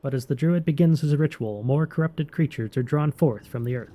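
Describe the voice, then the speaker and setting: A man's voice: fairly high pitch, fairly quick, warm tone. A man narrating scripted fantasy game lore as a storyteller.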